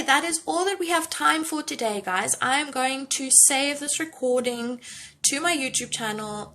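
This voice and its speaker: Higher-voiced woman teaching step by step. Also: a bit bright. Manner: explanatory, step by step, addressing learners directly. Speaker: high school maths teacher. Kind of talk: live online maths lesson.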